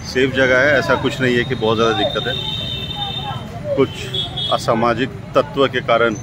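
A man from Jharkhand in India, narrating his bus trip in a casual, reflective travel vlog and slipping English phrases into his talk. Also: mid-range voice. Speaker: travel vlogger. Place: bus and roadside stops outdoors. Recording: street and vehicle noise behind.

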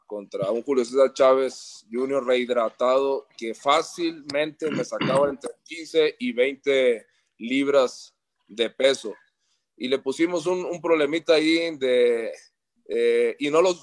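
A man's voice: medium pitch, measured pace. A man, a professional boxer in a post-fight interview, boasting and trash-talking his rivals.

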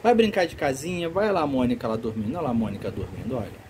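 A woman's voice: very deep voice, quick pace, noisy background. A woman films her toddler on a phone, talking in coaxing, sing-song baby talk and playful scolding. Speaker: mother filming her toddler at play. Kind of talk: casual home video chatter to a child.

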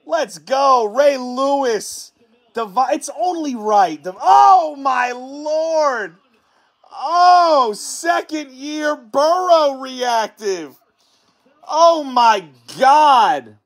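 A man hosting a card-break stream, calmly calling out cards and then shouting in hyped excitement at the big hits. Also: very high voice. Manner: hyped, shouting exclamations between calm card callouts.

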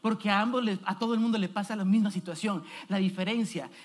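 A man's voice: high-pitched, fast talker. Emphatic male evangelist preaching. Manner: emphatic, addresses the congregation directly with questions. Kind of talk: sermon. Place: church, before a congregation.

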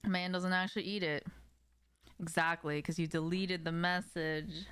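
This young woman's fairly low voice is steady, unhurried, clear and resonant, with a fairly bright tone. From an indoor room at home, she livestreams a game, casually chatting and addressing viewers directly.

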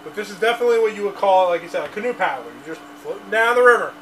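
Goofy dude reviewing beer at a basement bar, pretty high voice, far-off camera audio with faint hiss. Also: male voice, animated, rapid-fire, fairly bright tone. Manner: goofy, blurts out lines and song bits. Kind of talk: casual chat. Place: dim basement bar, indoors. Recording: distant camera sound with faint noise.

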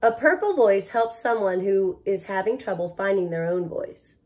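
Her pace moderate and voice mid-range, a woman in her thirties performs a children's picture book like a teacher would, full of expression. She sprinkles in casual remarks aimed at young listeners, recording indoors in a living room at home.

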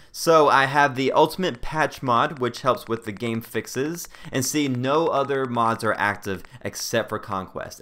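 A man's voice: medium pitch, fairly bright tone. A man hosting a casual game tutorial voice-over in a joking, conversational manner. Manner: self-deprecating, joking, conversational. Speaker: video host.

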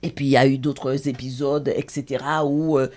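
A woman's voice: very deep voice, level tone, normal speed, darkish tone. Middle-aged woman telling an intense story. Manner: intense, emotional storytelling with hesitations. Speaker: talk show guest, association president. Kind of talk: personal testimony on a talk show.

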